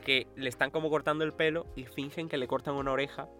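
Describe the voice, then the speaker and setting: A young Spanish man with a Spain Spanish accent co-hosts a casual podcast, retelling stories animatedly, acting out quotes, and laughing often. His voice is medium-pitched and fast, with faint music in the background.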